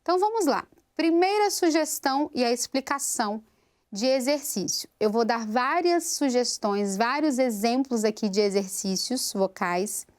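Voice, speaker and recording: High-voiced woman teaching singing. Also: expressive, moderate pace. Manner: explains step by step with rhetorical questions. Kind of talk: vocal technique lesson.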